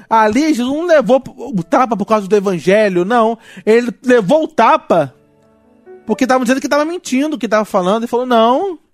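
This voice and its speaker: A man with a Brazilian Portuguese accent preaching a sermon, swinging between loud rebukes and quiet asides. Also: very high-pitched, no echo. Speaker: pastor.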